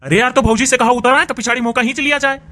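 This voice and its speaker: A man's voice: very high-pitched, fairly even intonation, racing, sharp tone. A man voicing a teasing village brother-in-law in a cartoon, speaking with an Awadhi accent in a mocking manner. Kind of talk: cartoon voice acting.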